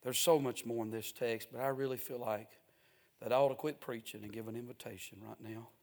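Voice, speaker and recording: A man preaching a revival sermon in a church, pleading with the congregation and swinging from loud exhortation to hushed urgency. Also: medium pitch, steady tone, brisk. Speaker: pastor. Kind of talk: revival sermon with altar call. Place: church sanctuary.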